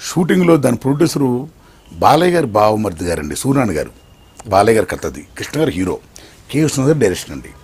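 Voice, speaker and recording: An older man as an interview guest, telling his life story in an animated way, swinging between loud excitement and hushed tones. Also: on the low side, quick pace, breathy edge.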